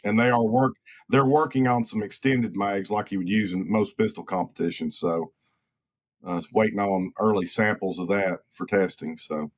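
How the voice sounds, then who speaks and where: Measured man explaining as a guest. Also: on the low side. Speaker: firearms engineer guest. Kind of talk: casual interview conversation.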